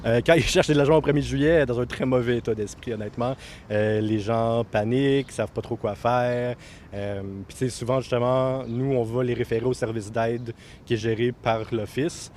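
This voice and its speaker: A man with a Québécois accent talks casually on the street, full of pauses and fillers. Traffic rumbles faintly around him outdoors. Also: steady tone, darkish tone. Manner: casual and hesitant, many fillers. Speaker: community worker. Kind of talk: street interview. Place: outdoors near a metro station.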